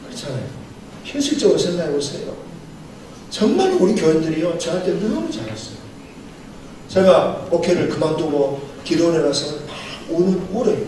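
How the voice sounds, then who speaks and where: A middle-aged pastor delivers a seminar sermon in a fairly high, sing-song, mellow voice at a normal speed. He tells it like a story, acts out the dialogue and chuckles often. The recording comes from a very echoey hall with the mic far away and faint noise.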